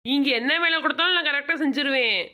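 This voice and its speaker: A high, bright-toned cheeky village girl, voiced by a woman in a cartoon comedy. She speaks with a Madurai Tamil accent and is chatty and cheerful. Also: fast talker. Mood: pleading. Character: cheeky village young woman job-seeker.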